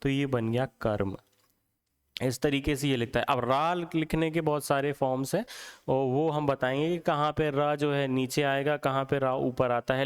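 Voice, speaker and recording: A man teaching Hindi for exams, explaining step by step and repeating words slowly to show how they sound. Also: medium pitch, smooth. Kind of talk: classroom lecture for exam prep.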